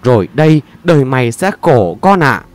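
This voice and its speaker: A man voicing a sharp-tongued middle-aged mother who scolds bluntly in an audio story. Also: medium pitch, big pitch swings, normal speed, lightly acted. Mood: scolding.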